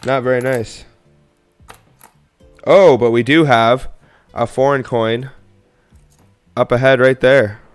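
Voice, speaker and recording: A young man from Canada chats away to his livestream viewers while sorting through coins. His voice is smooth and clear, sitting at an ordinary middle pitch. He talks upbeat and rambling, with plenty of asides. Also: fairly even intonation, takes it slowly, long pauses, faint music behind. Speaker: coin roll hunting livestream host. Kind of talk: casual live-stream chat while sorting coins.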